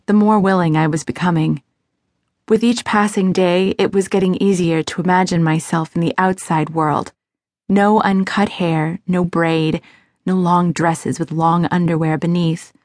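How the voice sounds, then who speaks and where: A woman reading a first-person novel aloud as an audiobook narrator, in a measured, expressive way. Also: lowish voice, no room sound, clean studio sound.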